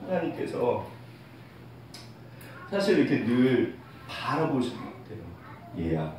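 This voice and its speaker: A male pastor delivering a heartfelt, candid sermon, his pitch rising and falling in a lively way as he teases himself now and then. He is heard from some distance in a very echoey church hall, with a faint hiss underneath. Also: brisk. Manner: candid and emotional, with light self-teasing humor. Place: church sanctuary.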